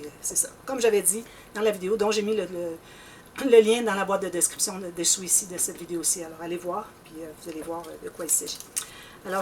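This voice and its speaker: A woman with a Québécois French accent hosting a scrapbooking channel, chatting casually to viewers in a rambling way and often clearing her throat. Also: lowish voice, distant mic, noisy background. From Canada.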